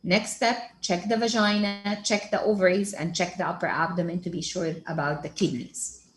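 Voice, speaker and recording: A woman's voice: fairly low pitch, fairly even intonation, normal speed. A woman giving a radiology lecture over case slides. She asks herself questions and then answers them as she walks through each image step by step. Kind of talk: case-based teaching lecture.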